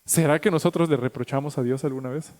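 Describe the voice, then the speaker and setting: A man, a pastor preaching a sermon, whose pitch and volume climb at the high points. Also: fast, darkish tone. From Mexico. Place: church sanctuary. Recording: echoey church hall.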